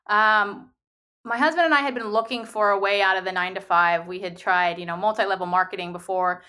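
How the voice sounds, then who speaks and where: Woman, interview guest, bright crisp-edged tone, mid-pitched, conversational storytelling. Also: fairly quick. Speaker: podcast guest, online seller.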